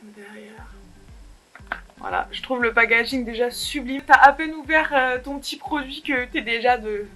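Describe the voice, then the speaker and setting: Bubbly high-voiced woman vlogger. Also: normal speed, few pauses, sharp tone, faint music behind. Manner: bubbly and playful, addresses viewers directly. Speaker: beauty vlogger. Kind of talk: casual chatty unboxing.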